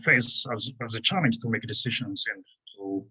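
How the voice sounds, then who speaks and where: A man from Ethiopia, giving an academic conference presentation in a halting way, often pausing on "you know" and restarting his phrases. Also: lowish voice, bright, forceful tone, breathy edge, low-quality recording. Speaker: conference panelist.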